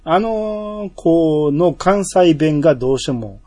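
Male podcast host, teasing banter, mellow husky tone, dry close sound. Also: on the high side, slow pace, dry recording. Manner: relaxed, teasing banter with frequent laughs. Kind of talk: casual chat.

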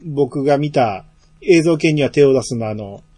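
Teasing Kansai-accented man, husky and lively. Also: medium pitch, normal speed, no echo. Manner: teasing, laughs often, reads listener messages. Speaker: podcast co-host. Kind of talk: casual chat.

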